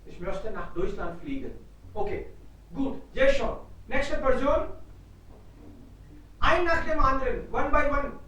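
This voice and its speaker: A woman's voice: high-pitched, expressive, a little slow, pauses often, a bit bright. A woman teaching German online, encouraging students and calling on them one by one. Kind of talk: online class, mixing German, English and Hindi. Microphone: video call. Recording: echoey, distant video-call audio with faint noise.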